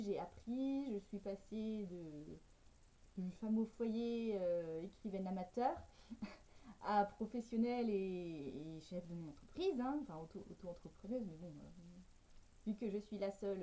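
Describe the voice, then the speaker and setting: Here a mellow, medium-pitched female voice belongs to a French personal development coach and writer chatting in a casual vlog. The audio quality is poor, and she comes across as hesitant, tripping over words with the occasional laugh.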